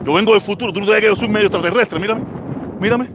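A man's voice: high voice, racing, noisy background. Angry Cuban man ranting on a livestream. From Cuba. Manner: angry, repetitive, street slang. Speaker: channel host. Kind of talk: heated livestream rant reading comments.

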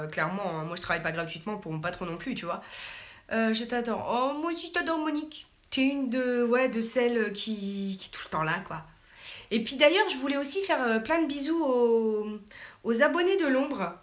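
Woman vlogger, casual live Q&A, chatty and halting, home camera mic. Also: on the high side. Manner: chatty, hesitant, many fillers, affectionate with viewers. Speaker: YouTuber hosting a live Q&A. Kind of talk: casual live-stream chat reading comments. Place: home, at night.

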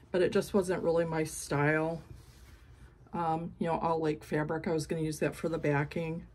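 A woman in her sixties with a lowish, slightly mellow voice chats casually about her quilting projects, rambling with lots of ums and restarts. She's filmed on a phone held at arm's length in her home craft studio, with slight background noise.

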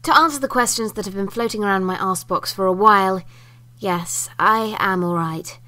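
A woman's voice: medium pitch, moderate pace, pushed and bright, close to an everyday voice. A woman voicing a prim, theatrical young sister who speaks genteelly and with exasperation. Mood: exasperated.

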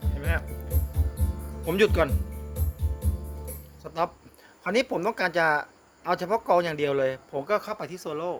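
A man hosting a casual music software tutorial, talking straight to the viewer and often asking whether they see it. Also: high voice, lively intonation, fast. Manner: talks directly to viewer, repeats "see?" often.

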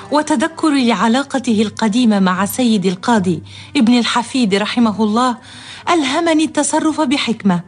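Casting: loving, spirited wife, high voice, lyrical period radio speech, music clearly behind. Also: female voice. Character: devoted wife, hopeful and freedom-loving. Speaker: actor in a historical radio serial. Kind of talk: radio drama acting in formal Arabic.

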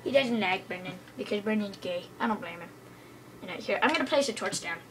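A woman's voice: mid-range voice, brisk, a little hiss or hum. A woman chattering playfully while playing a video game, cooing and calling to a game creature like a pet, with game music behind her. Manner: excitable, coos and calls to a game creature like a pet. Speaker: gamer recording gameplay.

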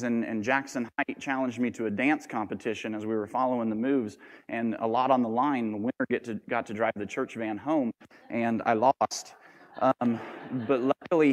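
A man, preaching a sermon as pastor in a joking, self-deprecating, lively way. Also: medium pitch. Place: church sanctuary. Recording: church hall with long reverb.

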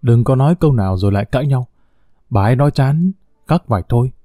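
A man doing a calm older father-in-law. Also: medium pitch, fast, no room sound, studio quality, natural voice. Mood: cautioning.

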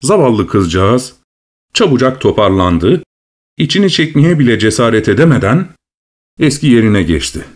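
A man narrating a dark tale as an audiobook, in a dramatic, expressive storytelling manner. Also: mid-range voice, moderate pace.

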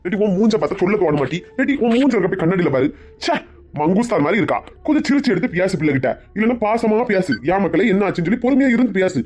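A man's voice: high voice, sing-song, racing, a little mellow. A middle-aged man with a Kanyakumari Tamil accent plays a doting father in a comic family skit, coaxing his daughter and bickering with his wife. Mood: scolding.

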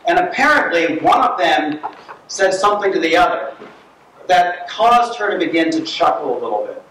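A high-voiced man preaches in a church, telling stories animatedly with fillers and restarts. He sounds distant from the mic, and his voice rings through a very echoey room. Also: moderate pace, a little hiss or hum. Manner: storytelling, animated, with filler words. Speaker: pastor. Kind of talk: sermon. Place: church sanctuary.

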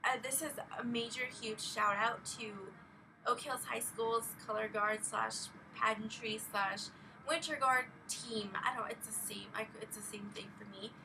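In this casual personal vlog, a young woman recounts an experience in a stop-start way, saying "like" constantly. Her fairly high voice has a steady tone and a creaky edge. She's indoors in a small home bedroom, and the arm's-length webcam or laptop mic sounds distant, with faint background noise.

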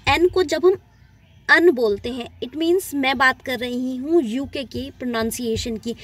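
A woman teaching an English grammar lesson, explaining slowly and giving spoken examples. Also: sits high, slightly rough.

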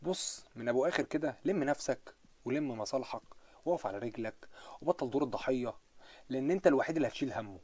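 Fast-talking Egyptian man on a live stream. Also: medium pitch, no echo. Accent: Egyptian Arabic. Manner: joking, animated, laughs often. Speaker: live-stream host answering comments. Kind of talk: casual live-stream chat.

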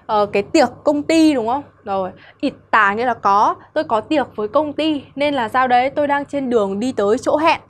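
Young Vietnamese woman, language teacher, patient explainer, fairly high voice. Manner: explains patiently, often asks "được chưa?". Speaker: Korean teacher. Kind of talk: grammar lesson.

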